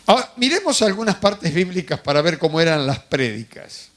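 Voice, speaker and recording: High-voiced pastor. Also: male voice, sing-song, fairly quick, a bit bright. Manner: conversational storytelling with questions to the congregation. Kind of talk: sermon.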